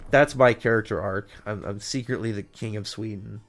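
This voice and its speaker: Soft music plays behind a man with a lowish voice who talks at a normal speed while hosting a livestream. He reads comments and chats casually with viewers, rambling through asides and repeating himself.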